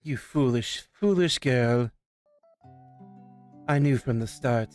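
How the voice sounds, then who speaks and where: A noble, loyal lady knight, acted by a man in a mid-low register, speaking in solemn archaic phrases. The fantasy role-play is recorded close and dry, with music underneath. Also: slow pace, darkish tone, dry recording, natural voice. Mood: tender.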